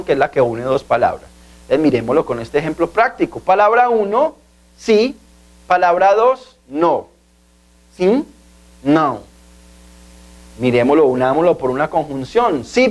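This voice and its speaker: Male tutor, slightly raised pitch, patient and repetitive classroom delivery. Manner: patient, repeats key words and asks "¿sí?". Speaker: language teacher. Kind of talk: video language lesson.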